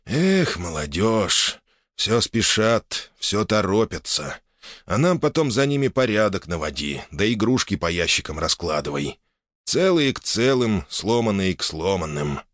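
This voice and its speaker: A man's voice: fairly low pitch, sing-song, moderate pace, no room sound, studio quality, pitched above the performer's own voice. A man voicing a stern, commanding older boyar who heads his clan. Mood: weary. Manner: commanding, menacing.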